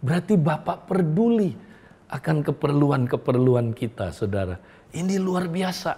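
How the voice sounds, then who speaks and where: A man's voice: a little high, animated, moderate pace, warm tone, breathy edge. A man preaching a storytelling sermon to an online congregation, repeatedly addressing them as brothers and sisters and letting his voice fall at the ends of phrases. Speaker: pastor.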